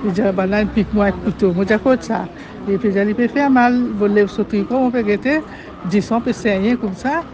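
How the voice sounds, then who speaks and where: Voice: medium pitch, a little fast. Rambling street interview, dull lo-fi sound, crowd chatter and traffic behind. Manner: rambling, repetitive telling. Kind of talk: street interview recounting events. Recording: dull outdoor street recording.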